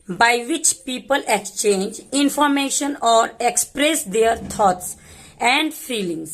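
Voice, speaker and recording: Woman teacher reading english word by word slowly, explaining in hindi, a bit high voice. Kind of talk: slow explanatory lesson.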